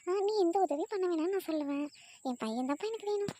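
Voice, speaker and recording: A woman doing a timid young wife, very high. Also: animated, fast. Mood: pleading. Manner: soft, pleading, shy. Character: timid young pregnant wife, sweet and anxious. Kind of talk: family comedy skit acting.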